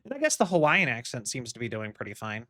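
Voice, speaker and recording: A man's voice: medium pitch, huge pitch swings, fast talker, a bit bright, no room sound, studio quality. A young man livestreaming a game, musing aloud in a rambling, casual way. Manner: rambling, musing, many fillers. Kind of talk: casual chat while gaming. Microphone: streaming mic.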